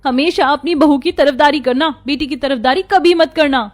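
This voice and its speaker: A woman voicing a young daughter-in-law and a sulky daughter in a cartoon, gentle or sharp by turns. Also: high voice, moderate pace, lightly acted. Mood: petulant.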